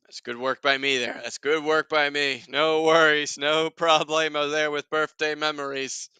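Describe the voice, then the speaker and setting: A man's voice: a little high, level tone, moderate pace, bright, forceful tone, clear, resonant tone, no echo. A man hosting a live soccer watchalong stream, chatting to his viewers in a rambling, casual way.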